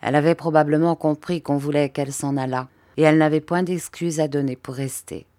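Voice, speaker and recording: Casting note: woman audiobook narrator, lowish voice, steady expressive reading, dry close mic. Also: a little fast, dry recording. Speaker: audiobook reader. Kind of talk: scripted narration.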